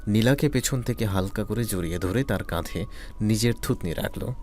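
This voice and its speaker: Brief: male narrator, lowish voice, calm romantic storytelling. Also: normal speed, slight background noise.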